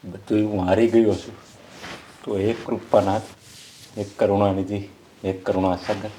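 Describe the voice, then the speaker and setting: An actor playing a middle-aged father ruined by gambling, who swings from quiet pleading to angry shouting. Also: flat delivery, a little slow, a little hiss or hum, close to an everyday voice. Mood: pleading prayer. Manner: pleading low, then shouting angrily. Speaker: father who gambled away his money. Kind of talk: Gujarati short-film acting.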